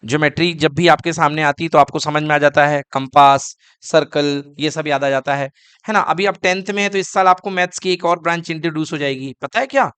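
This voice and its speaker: A man's voice: on the high side, a little fast, fairly bright tone, smooth, dry recording. Male teacher, lecture delivery, question-and-answer style, clean dry sound. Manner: asks students questions and answers them himself; calls students kids and beta. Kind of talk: classroom lecture.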